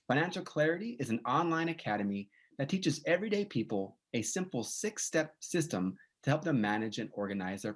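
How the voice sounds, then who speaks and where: A man co-hosting a podcast, talking casually with many fillers and self-corrections as he introduces a guest. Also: medium pitch. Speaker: podcast co-host.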